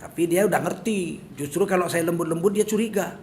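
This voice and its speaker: A middle-aged man with a Medan accent preaches in a high, bright voice, joking with the congregation and acting out small scenes as he goes. A faint room ambience sits behind him. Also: brisk, background noise. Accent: Medan Indonesian. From Medan, North Sumatra. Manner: joking and animated, acting out little scenes in asides. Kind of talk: humorous sermon.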